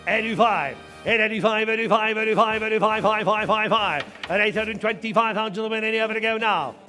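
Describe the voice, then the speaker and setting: A man's voice: sits high, quick pace, sharp tone, soft background music. A man working as an auctioneer, calling bids live in a repetitive chant of numbers and filler phrases.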